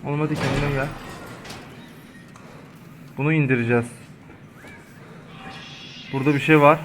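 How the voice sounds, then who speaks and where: A man's voice: on the high side, steady tone, moderate pace, background noise. A man in his twenties from Turkey giving let's play commentary, jumpy and swearing a lot, with frightened outbursts. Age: 20s. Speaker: gaming channel host.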